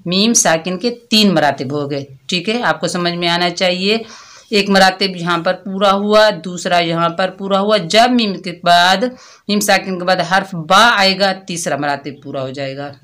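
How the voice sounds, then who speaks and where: A woman teaching an online tajweed lesson, patiently explaining recitation rules step by step and reciting example words slowly. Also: mid-range voice, a bit bright.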